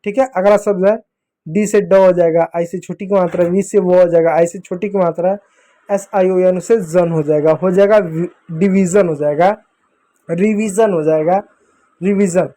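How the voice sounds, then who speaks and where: High-voiced man teaching a phonics lesson. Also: fairly even intonation, moderate pace, mellow. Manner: repetitive, drilling, asks and answers his own questions. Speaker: English teacher. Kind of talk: explaining a phonics lesson to beginners.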